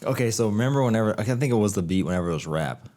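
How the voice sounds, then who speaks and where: Laid-back low-voiced man swapping stories. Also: expressive, rapid-fire, dark tone. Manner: laid-back storytelling, heavy swearing. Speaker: podcast host. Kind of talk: casual chat.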